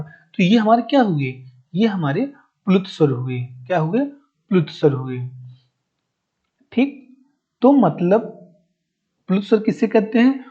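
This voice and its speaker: Patient male teacher, dark muffled voice. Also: high-pitched, breathy edge. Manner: asks a question, then answers it himself; repeats each definition slowly for note-taking. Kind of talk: recorded grammar lesson. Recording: muffled, dull recording.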